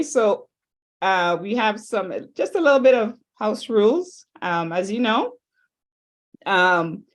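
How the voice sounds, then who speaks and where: A woman from Trinidad and Tobago, hosting an online panel in a chatty, upbeat way with lively asides. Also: mid-range voice. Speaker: host.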